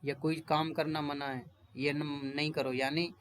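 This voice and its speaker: A man teaching English vocabulary in Hindi, repeating each word again and again and reading definitions slowly, with homely asides to his students. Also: a little high, level tone. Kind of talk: explaining vocabulary and drilling pronunciation.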